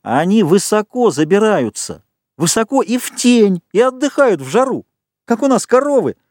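Audiobook: male narrator doing an excited boy hunter, high and breathless chatter, dry studio sound. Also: moderate pace, no room sound. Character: boy Jack, eager, obsessed young hunter.

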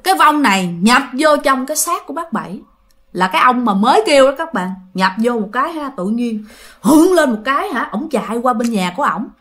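A woman's voice: high-pitched, animated, brisk, fairly bright tone. A woman with a Southern Vietnamese accent telling a ghost story in casual chat, often addressing her listeners and acting out the quoted lines.

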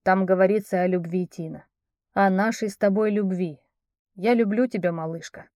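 A calm young prince, read by a woman in an audiobook. He speaks firmly and steadily, giving orders in a mellow, dry-sounding voice. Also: mid-range voice, normal speed, dry recording, lightly acted. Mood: tender. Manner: firm, calming, instructing. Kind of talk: audiobook character voicing.

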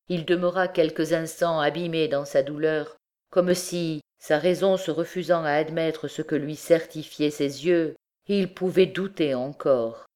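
Woman, audiobook narrator, measured dramatic reading. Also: low voice, a little mellow. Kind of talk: scripted narration.

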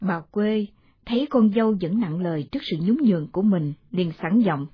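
Husky-voiced woman narrating a story. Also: mid-range voice, moderate pace, no echo, muffled recording.

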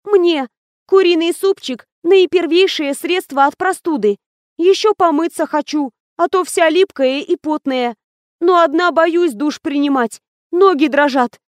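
A woman's voice: very high-pitched, a little slow, dry recording, clean studio sound, voice pushed up. Woman putting on a whiny fake-sick young woman. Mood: pleading whine.

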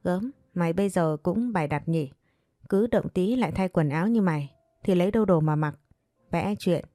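A woman's voice: on the low side, moderate pace, dry recording, studio quality, soft background music, close to an everyday voice. A woman voicing a jealous young mistress of a household who scolds and threatens her servant. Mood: scolding. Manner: scolding, threatening, sharp-tongued.

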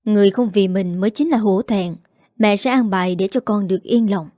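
A woman's voice: medium pitch, brisk, dark tone, dry recording, clean studio sound, close to an everyday voice. A woman reading the lines of a ruthless older mother in a drama recap, speaking cold and firm.

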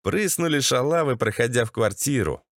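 A man's voice: mid-range voice, animated, normal speed, fairly bright tone, dry recording, clean studio sound. A man narrating a gritty first-person audiobook in a tense, sardonic manner.

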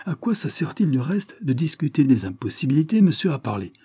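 A man's voice: a little high, sing-song, brisk, mellow, breathy edge, no room sound, pitched above the performer's own voice. A man voicing an old, loyal male estate steward who talks in an agitated, pleading way. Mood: fretful.

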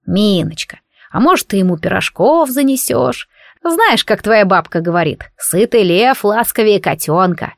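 A woman voicing a kindly older man who speaks in a gentle, coaxing way. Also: mid-range voice, animated, unhurried, vocal fry, dry recording, clean studio sound. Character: kindly, fussing older uncle figure.

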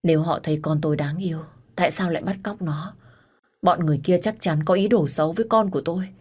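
A woman's voice: on the low side, quick pace, a little mellow, slightly rough. A woman narrating an audio story and talking earnestly to her listeners as host. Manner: intimate, earnest, addresses listeners directly.

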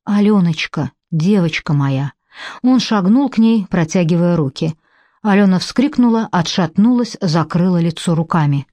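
A woman reading an audiobook in a measured, unhurried narration. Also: on the low side, lively intonation, warm tone, dry recording. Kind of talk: scripted narration.

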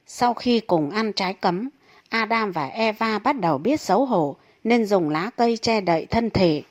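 A woman narrating a string of short funny stories. Her delivery is steady and even, like scripted storytelling read straight through. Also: medium pitch, normal speed. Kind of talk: reading jokes aloud.

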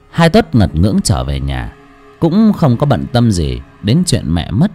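A man narrating a ghost story in a steady storytelling voice. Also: fairly low pitch.

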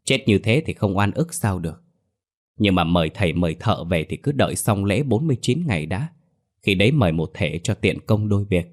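A man's voice: low voice, lively intonation, brisk. A man voicing a brusque middle-aged village husband. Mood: gruff. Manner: brusque, scolding.

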